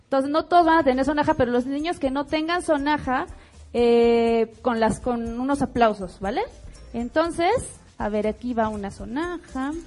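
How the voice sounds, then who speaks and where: A woman guest musician on a live radio show, gently teaching children a traditional song by call and response, with a Mexican accent. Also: sits high, moderate pace, soft background music. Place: auditorium with children.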